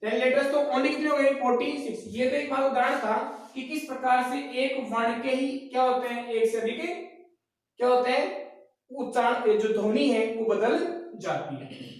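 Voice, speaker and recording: A man's voice: very high-pitched, moderate pace. A man teaching a class who asks his own questions, answers them, and repeats each key point. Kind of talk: classroom lecture. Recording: very echoey room, mic far off.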